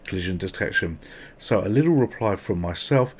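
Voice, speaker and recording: Husky man chatting about retro games. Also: sits low, animated, a little fast. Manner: chatty, swears casually. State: sore mouth from toothache. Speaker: retro gaming channel host. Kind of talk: casual gameplay commentary.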